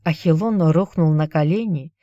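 A woman reads a novel aloud in a measured, expressive manner. Her voice sits fairly low, and the recording is dry and close with no room sound. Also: no echo, dull audio. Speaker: audiobook narrator. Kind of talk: scripted narration of a novel.

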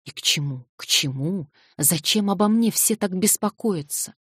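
A defiant orphan girl from an audiobook, voiced by a woman, sobbing and shouting her refusals. Her voice sits well above the reader's own low register. The recording is dry and close. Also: lively intonation, moderate pace, slightly rough, no echo. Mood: sobbing defiance. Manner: crying, shouting, insistent refusals.

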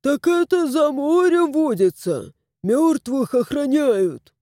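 A woman's voice: high-pitched, lively intonation, slow pace, mellow, no echo, studio quality, pitched above the performer's own voice. A woman voicing an old male house spirit who speaks in a folksy, old-fashioned way, exclaiming and lamenting. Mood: grumbling. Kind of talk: audiobook character voice.

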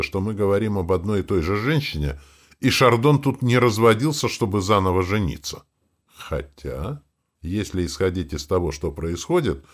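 Low-voiced expressive male audiobook narrator. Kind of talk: scripted first-person narration.

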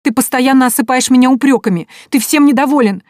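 A woman voicing a desperate young wife who shouts through tears, reading an audiobook. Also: high-pitched, fast talker, no echo, clean studio sound, voice pushed up, natural voice. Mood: hysterical shouting.

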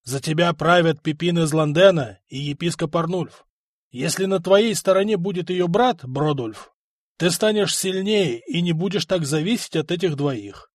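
A man's voice: on the high side, moderate pace, no room sound, studio quality, pitched above the performer's own voice, natural voice. A man voicing an old grey-haired king who speaks in a blunt, commanding, scornful way. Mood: stern, commanding.

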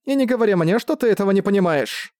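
A man's voice: sits high, animated, a little fast, darkish tone, no echo, clean studio sound, pitched above the performer's own voice. A man reading an audiobook, voicing a manipulative, desperate woman villain who pleads and persuades.

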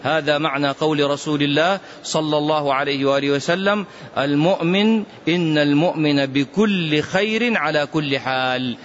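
A man's voice: a little high, moderate pace, lo-fi sound, a little hiss or hum. A man giving a religious teaching commentary who speaks with impassioned emphasis and sometimes chants his recitations. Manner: impassioned, emphatic warnings addressed to the listener. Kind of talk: classroom commentary on prophetic tradition.

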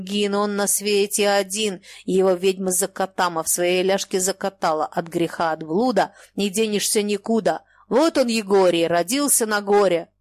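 A woman voicing a frenzied male holy fool, chanting slow rhyming prophecies in a sing-song way. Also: mid-range voice, no echo.

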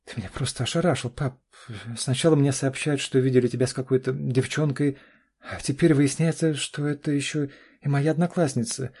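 An anxious, insistent young daughter, voiced by a man reading an audiobook. He lifts his dark, husky voice well above its usual pitch and keeps her pleading and pushy. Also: fairly even intonation, fairly quick. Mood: worried. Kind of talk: audiobook character voice.

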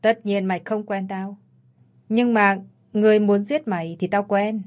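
A woman's voice: mid-range voice, steady tone, moderate pace, darkish tone, lightly acted. Woman voicing a male thug, coarse, menacing. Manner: threatening, coarse. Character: brutal male thug in blue shirt, hired killer.

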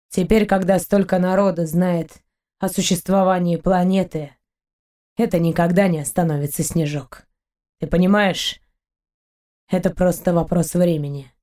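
A woman reading an audiobook and voicing a blunt, weary male space pirate in a slow, heavy, scolding way. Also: fairly low pitch, steady tone, mellow, voice pushed down, lightly acted. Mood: grave.

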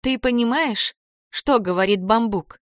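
A woman voicing a gentle, dreamy young woman. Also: a little high, a little slow, dry recording, studio quality, voice pushed up, natural voice.

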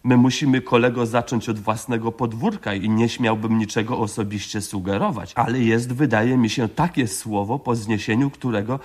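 A man's voice: mid-range voice, fairly even intonation, normal speed, few pauses, a little mellow, natural voice. A man voicing a fussy, officious chairman at a district council meeting, speaking in pompous bureaucratic phrases.

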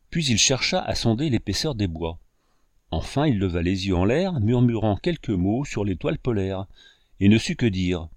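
A man reading an adventure novel aloud in measured, scripted narration. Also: lowish voice, a little mellow, no echo, studio quality. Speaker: audiobook reader.

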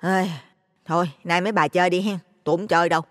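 A man's voice: steady tone, fairly bright tone, studio quality. A man doing a nagging older village mother. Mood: worried. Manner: high falsetto, brisk and nagging. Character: worried older village mother, blunt and scolding. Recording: long reverb.

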